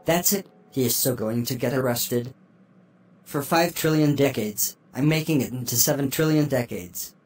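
A man's voice: mid-range voice, moderate pace, darkish tone, soft background music, natural voice. A man voicing a stern, officious cartoon cop. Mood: indignant. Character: stern police officer on the phone and at an arrest.

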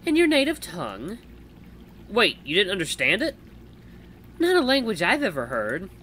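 A man's voice: high-pitched, wildly swooping pitch, moderate pace, pushed and bright, a little hiss or hum, voice pushed up, heavily acted. A man voicing a teasing, wry female beast-folk villager as he reads a visual novel aloud, with a dry, mocking way of talking.

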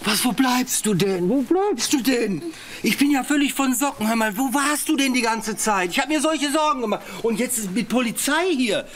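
A woman's voice: fairly high pitch, expressive, moderate pace, close to an everyday voice. A woman playing a worried, flustered middle-aged mother who repeats herself, in a scripted reality TV show.

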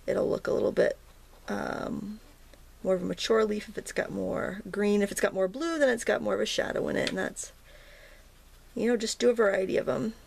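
A watercolor teacher narrates a casual painting tutorial while working at a table, her voice slightly hoarse and gravelly with vocal fry, like a froggy morning throat. She's chatty, often restarting sentences and filling pauses with ums. Her pitch is medium and fairly even, her pace moderate, her tone darkish, with a slight hiss or hum.

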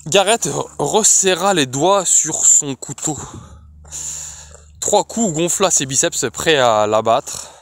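A man reading a fantasy novel aloud as an audiobook, in a slow, expressive way. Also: fairly high pitch. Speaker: audiobook reader.

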